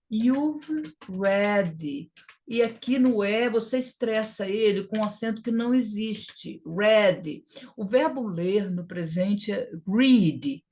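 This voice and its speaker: A woman's voice: mid-range voice, darkish tone. A woman with a Brazilian Portuguese accent teaching an English lesson, repeating words and modeling example phrases for her students to drill. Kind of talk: classroom lesson on grammar and pronunciation.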